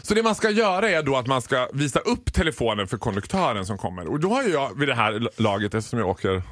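A man's voice: mid-range voice, dry recording, studio quality. A man in his thirties doing casual radio banter, telling stories with lots of acted-out dialogue. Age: 30s. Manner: animated storyteller, acts out dialogue. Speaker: radio show regular.

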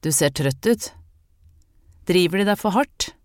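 A woman's voice: lowish voice, lively intonation, no echo, natural voice. Woman doing a motherly young friend, concerned, dry close sound. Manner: concerned, comforting. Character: motherly young maid, protective and caring.

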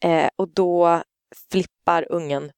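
A woman telling a family story in casual chat, animated and swearing freely, acting out the shouts of the scene. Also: on the low side, gravelly, smooth, dry recording, clean studio sound.

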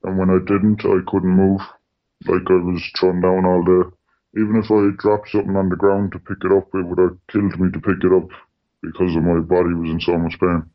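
Fairly quick and monotone, a disguised male voice answers as an anonymous guest on a radio interview. The distortion filter makes him sound deep, the sound quality is dull and lo-fi, and his plain, matter-of-fact speech is full of "like" and "you know."

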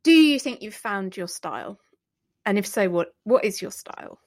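A woman's voice: medium pitch, expressive, moderate pace. Woman, podcast interviewer, friendly, playful, laughs along, conversational.

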